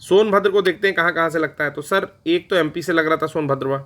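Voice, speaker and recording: Bright-voiced teacher man. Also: a little high, fast talker. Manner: chatty, answers his own questions in a mock student voice. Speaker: exam prep teacher. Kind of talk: recorded online lecture.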